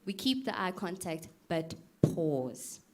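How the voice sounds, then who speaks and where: Fairly low-pitched and slow, a woman presents a live public speaking workshop over slight background noise. She addresses the audience directly with questions and plays out awkward fillers and reactions for effect in a lively way.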